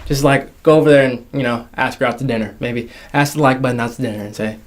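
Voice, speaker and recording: Over faint background music, a man with a mid-range, steady voice talks at a quick pace. He's the host of a jokey video game movie countdown, emphatic and fond of repeating phrases for effect.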